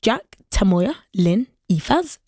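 A woman's voice: medium pitch, sing-song, takes it slowly, a little mellow, no echo. A woman presenting a local radio show, chatting casually and musing aloud before inviting listeners to text in. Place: radio studio.

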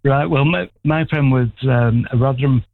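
A man in his sixties rings into a radio phone-in and rambles warmly, full of hesitations and restarts. His voice comes through a thin, tinny telephone line. His pitch sits in an ordinary middle range. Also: moderate pace, vocal fry, dry recording. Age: 60s. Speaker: caller. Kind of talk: casual phone-in chat.

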